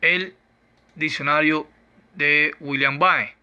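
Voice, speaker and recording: A man teaches scripture like a preacher, pressing his case through one rhetorical question after another. His voice is slightly high and very bright, with a sharp, forceful edge. He draws out key words slowly for emphasis. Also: steady tone, clean tone, muffled recording. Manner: slow, emphatic delivery with drawn-out words. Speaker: Bible teacher. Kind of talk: doctrinal Bible lesson.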